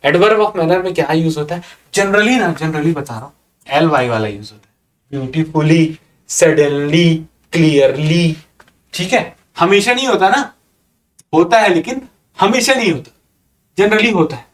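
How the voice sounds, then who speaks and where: A man with an Indian accent teaching grammar in a lecture. He reads example sentences slowly and asks the class repeated questions. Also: fairly high pitch, recorded from a distance.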